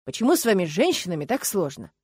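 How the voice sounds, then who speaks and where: A woman's voice: on the low side, very animated, quick pace, darkish tone, breathy edge, no echo. A woman reading the lines of an arrogant, commanding young male dragon in an audiobook, in a curt, self-assured manner. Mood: coaxing. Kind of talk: audiobook character voice.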